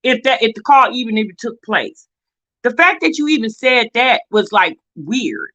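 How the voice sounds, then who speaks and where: Slightly high and bright, her voice swings widely in pitch as she talks at a moderate pace with real force. She's an American reaction video host offering casual, opinionated takes, blunt and sassy, frequently exasperated and throwing out rhetorical questions.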